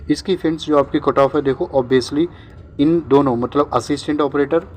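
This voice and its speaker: With a voice on the high side and slight background noise, a man updates candidates on their exams. He's casual and reassuring, repeats points with check-in tags, and slips English words into what he says.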